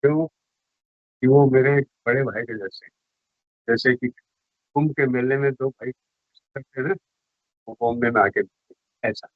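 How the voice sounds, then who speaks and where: Brief: man from Rajasthan, chatty fan guest, mid pitch, dry lo-fi recording. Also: moderate pace, pauses often, no room sound. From Rajasthan, India. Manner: eager fan, slips into film star impressions. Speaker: interview guest, celebrity lookalike fan. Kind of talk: casual interview chat.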